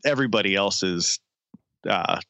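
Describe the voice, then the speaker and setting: A man's voice: sits low, unhurried, creaky, sharp tone. A forty-year-old man, a musician being interviewed, friendly and rambling, full of likes and restarts. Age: 40s. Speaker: musician guest. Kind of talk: casual interview. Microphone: phone line.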